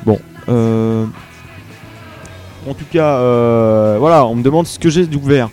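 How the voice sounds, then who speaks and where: A man's voice: medium pitch, a little slow, a little mellow, faint music behind. A young man from the Paris area with a French accent, hosting a live web radio show in a loose, hesitant chat full of fillers and restarts. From Paris region, France.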